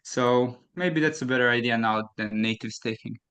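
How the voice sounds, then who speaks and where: A man's voice: mid-range voice, normal speed, fairly bright tone, smooth. A man on a casual group video call, giving brief, matter-of-fact answers. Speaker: community member on call.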